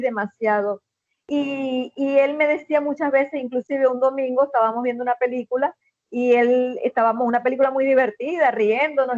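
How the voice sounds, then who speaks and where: A woman telling a personal story in a casual conversation, with many restarts and pauses, over a video call. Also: fairly high pitch, a little mellow, no room sound, highs cut off. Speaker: guest. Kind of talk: casual chat.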